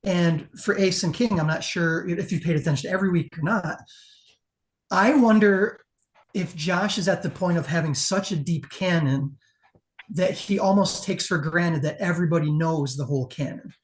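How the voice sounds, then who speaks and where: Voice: medium pitch, normal speed. A competition judge giving a casual panel critique in an emphatic, profane, conversational way.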